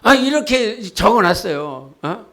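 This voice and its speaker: A man preaching a sermon as pastor, talking directly to his congregation and leading them in shouted declarations. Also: high-pitched, sing-song, a little slow. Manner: often asks the congregation "예?" and talks to them directly. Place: church sanctuary.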